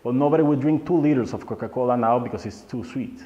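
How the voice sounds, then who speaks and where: A young man leads a workshop, his English loose and friendly as he quizzes the crowd with quick questions. His voice sits in a middle pitch and carries through a roomy meetup hall, picked up on a slightly muffled recording. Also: dark tone. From Venezuela. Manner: loose, non-native phrasing, asks the audience questions. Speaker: workshop speaker. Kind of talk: live workshop lecture.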